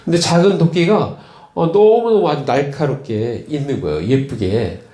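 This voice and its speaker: A man preaching in a roomy, echoing church, with a slightly high voice for a man. He tells stories in a loose, conversational way, pausing on fillers and repeating key words for the congregation. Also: lively intonation, warm tone. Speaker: pastor. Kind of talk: sermon.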